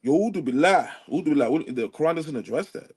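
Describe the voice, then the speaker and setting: A man joins a casual live online panel debate as a guest, his slightly high voice animated, darkish in tone, and a bit breathy. Quick to interrupt, he apologizes before launching back into argument for his side.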